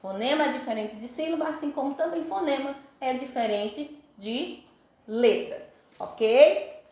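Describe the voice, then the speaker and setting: A woman's voice: high voice, measured pace, darkish tone. A Brazilian woman teacher giving a recorded school lesson, patiently spelling out letters and counting sounds aloud, often checking "right?" with her pupils. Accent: Brazilian Portuguese. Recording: very echoey room.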